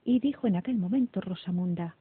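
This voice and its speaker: A woman reading a children's story aloud in a lively, animated way. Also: fairly low pitch, a little fast. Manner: animated read-aloud with voices. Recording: dry, tinny phone-like, raspy.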